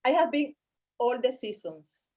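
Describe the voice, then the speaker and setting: Female interview guest, Colombian Spanish accent, soft-edged mellow tone, halting delivery with repeated phrases. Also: fairly high pitch, sing-song. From Barranquilla, Colombia. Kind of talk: casual interview chat.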